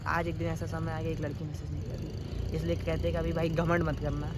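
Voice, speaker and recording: A man's voice: on the high side, completely flat delivery, a little fast, noisy background. A teenage boy chatting crudely in an unfiltered vlog, talking outdoors at night into a phone camera. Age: teens. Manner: crude, slangy, rambling banter. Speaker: vlogger. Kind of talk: casual unfiltered vlog chat.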